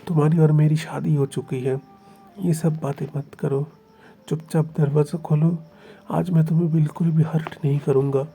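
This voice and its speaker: A man voicing a domineering young husband who speaks in a quiet, cold and threatening way. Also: fairly high pitch, flat delivery, moderate pace, gravelly, soft background music. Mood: commanding.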